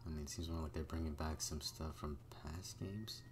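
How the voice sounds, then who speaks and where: A man's voice: extremely low pitch, steady tone, moderate pace, music in the background. A man doing casual video game commentary, reading dialogue aloud as he plays. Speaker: gamer playing through a video game.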